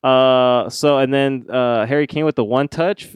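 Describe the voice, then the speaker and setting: Laid-back young man, smooth voice. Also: medium pitch, fairly even intonation, measured pace, no echo. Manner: laid-back, laughs often, swears casually. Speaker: podcast co-host. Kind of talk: casual chat.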